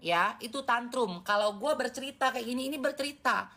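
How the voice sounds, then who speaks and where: A woman's voice: fairly high pitch, fairly quick, sharp tone. A woman around forty chatting on a phone live stream, bluntly lecturing her viewers in casual slang. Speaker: livestreamer.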